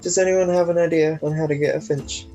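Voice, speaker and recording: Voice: mid-range voice, steady tone, a little fast, mellow, soft background music, rough recording. A player in a tabletop game who keeps asking eager questions. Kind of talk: casual tabletop play.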